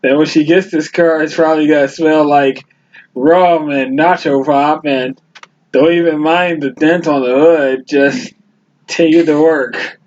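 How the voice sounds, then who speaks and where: A man's voice: on the high side, steady tone, a little slow, darkish tone. A man co-hosting a podcast in casual chat, laid-back, recalling a night out. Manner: laid-back, chiming in with short agreements. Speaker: podcast co-host. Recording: dull lo-fi audio with faint background noise.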